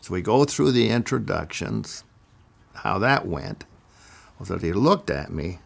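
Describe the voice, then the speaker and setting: An older man with a low, gravelly voice tells his story at a very unhurried pace. His delivery is measured and deliberate, with careful pauses between phrases. He comes from Idaho. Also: sing-song. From Idaho, USA. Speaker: speaker giving a personal testimony. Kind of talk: slow first-person storytelling.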